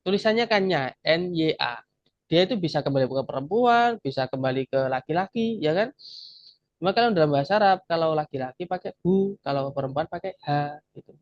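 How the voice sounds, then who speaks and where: A man leads a grammar lesson over a video call, his voice sitting a little high. He explains patiently and repeats each word to drill it in. The sound is dry and a bit dull, like a laptop mic. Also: animated, brisk, no echo. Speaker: Arabic grammar teacher. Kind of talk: online class lesson.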